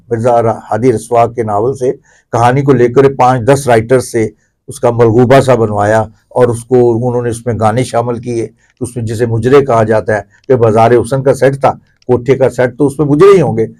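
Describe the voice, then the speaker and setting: As a guest in an interview, this theatre commentator, middle-aged or older with a Pakistani accent, talks in a discursive, explanatory way. His voice sits at medium pitch with a darkish tone, and his remarks are reflective.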